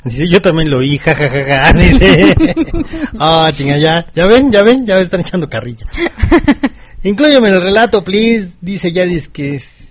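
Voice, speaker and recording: Brief: male co-host, teasing, high lively voice. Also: a little slow. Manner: teasing, laughing, reads listener messages. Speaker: radio show co-host. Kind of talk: casual late-night radio chat.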